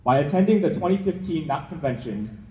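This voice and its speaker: Young adult man, Hawaiian accent, slightly high voice, formal prepared student speech, reverberant hall. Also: lively intonation, brisk, warm tone, dull audio. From Hawaii, United States. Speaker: student scholarship winner giving a speech. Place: large indoor event hall. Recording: echoey hall with long reverb.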